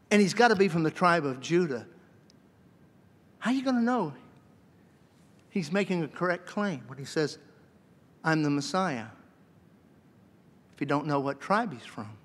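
A man giving a seminary lecture in a lively, joking way, sometimes acting out voices. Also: high-pitched, normal speed, pauses often. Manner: lively, jokey, acts out voices. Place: lecture hall. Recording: reverberant lecture hall.

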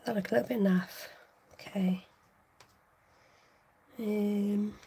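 A woman leads a live craft demonstration in an unhurried, chatty way, speaking to her viewers as she works. Her voice is mellow and sits at a middle pitch. A faint hiss runs underneath. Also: steady tone. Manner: chatty, talks to viewers while working. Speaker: craft tutorial host.

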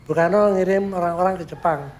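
Animated older man storyteller. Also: high voice, brisk. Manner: animated storyteller, acts out shouts. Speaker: sculptor recounting his work. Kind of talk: documentary interview recollection.

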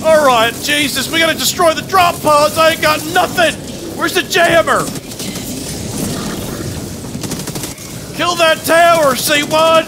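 Man doing a high-pitched, foul-mouthed drill sergeant. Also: normal speed. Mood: gruff, alert. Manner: barking orders, swearing, strained. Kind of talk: improvised in-game role-play over voice chat. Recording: voice over loud game battle noise.

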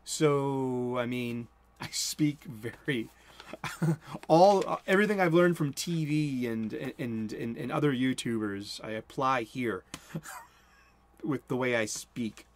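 There's slight background noise as a man with a mid-range voice speaks at a slow pace. The host, in his forties and Boston-accented, gives a casual sermon from a cluttered home room. He wanders off track, interrupts himself, and mumbles quickly when he gets excited.

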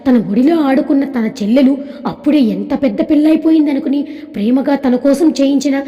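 A woman reading a scripted story aloud in a calm, even storytelling manner, with a long echoing reverb. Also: high-pitched, brisk, dull audio.

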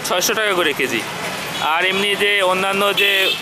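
A man's voice: sits high, normal speed. A man hosting a street interview at an evening fish market, asking vendors short questions and repeating their answers back. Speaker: roadside video host interviewing vendors. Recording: loud street and traffic noise.

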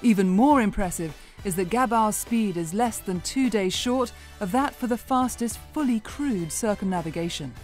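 Woman, news voice-over, polished and measured, faint music behind. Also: mid-range voice, lively intonation, a little mellow. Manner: measured, polished broadcast delivery. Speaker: narrator. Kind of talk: scripted sports news narration.

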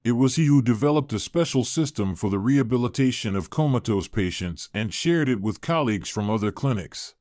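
A man narrating a dramatic story in a smooth, expressive reading style. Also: mid-range voice, brisk, hardly any pauses, no echo, clean studio sound.

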